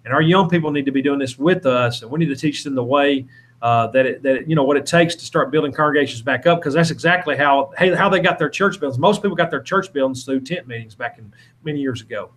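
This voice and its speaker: A man's voice: mid-range voice, quick pace, fairly bright tone. A man, an evangelist talking informally and earnestly in an interview, often exhorting and repeating himself. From Alabama, southern United States. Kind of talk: informal interview talk with preaching.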